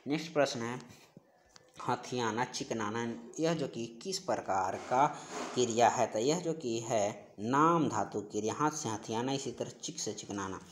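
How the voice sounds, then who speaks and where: In a mid-range voice, a little slow, a man teaches an online exam-preparation class, working through quiz questions and answers. His style is instructional and repetitive, stressing key terms by saying them again. There's slight hiss or hum.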